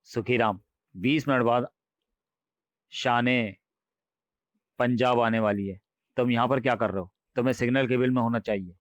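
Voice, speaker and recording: A man voicing a brisk, stern station master in a horror comic audio drama. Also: mid-range voice, fairly even intonation, no echo, natural voice. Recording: dry, slightly dull recording.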